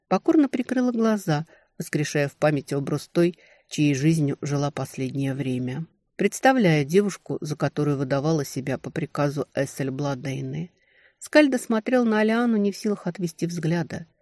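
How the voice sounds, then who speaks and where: A woman narrating a romantic fantasy novel in an expressive storytelling manner. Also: low voice, no echo, clean studio sound. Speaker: audiobook narrator.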